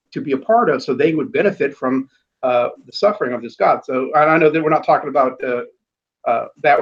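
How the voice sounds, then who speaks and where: Rambling man, slightly high voice. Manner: rambling, many restarts and fillers; blunt, with casual swearing. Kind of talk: casual conversation. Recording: dull lo-fi audio.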